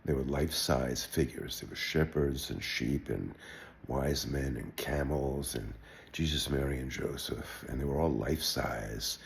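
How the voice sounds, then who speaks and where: An older man telling a wry personal anecdote in a relaxed, halting way, with wry understatement. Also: very deep voice, gravelly, a little hiss or hum. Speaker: storyteller. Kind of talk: personal anecdote told aloud.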